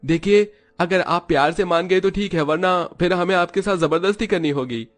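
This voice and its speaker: A man voicing a builder's servile, pushy assistant in an animated story, making polite threats. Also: high voice, moderate pace, soft background music, close to an everyday voice.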